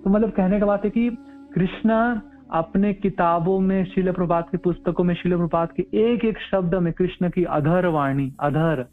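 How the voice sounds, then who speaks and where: A man's voice: high-pitched, fairly even intonation, moderate pace. A man preaching a devotional sermon, telling stories earnestly and repeating his phrases. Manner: repetitive, earnest storytelling. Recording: tinny phone-like audio with faint music.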